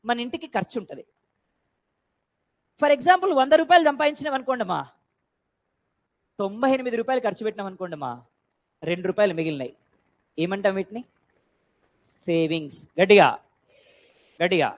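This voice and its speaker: A woman teaching a class, quizzing students and urging them to answer loudly. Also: medium pitch, animated, fairly quick, pauses often, low-quality recording. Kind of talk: classroom lecture.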